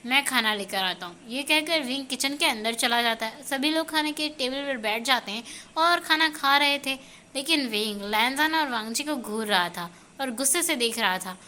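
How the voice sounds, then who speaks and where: A woman narrating fan fiction as a lively storybook reading. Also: high voice, normal speed, slight background noise.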